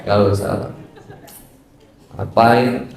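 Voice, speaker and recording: A man preaching a humorous sermon in a mosque, joking with the crowd, acting out quarrels in sudden high voices and chanting Arabic verses slowly. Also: fairly even intonation. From West Java. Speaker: Islamic preacher. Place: mosque hall. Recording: very echoey mosque hall.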